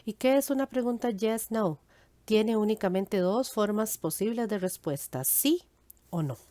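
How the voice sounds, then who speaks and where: A woman English teacher explaining grammar patiently, step by step, saying her English examples slowly and clearly. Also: medium pitch, animated, warm tone, no room sound. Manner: switches between Spanish and English, speaking English slowly. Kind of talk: recorded grammar lesson.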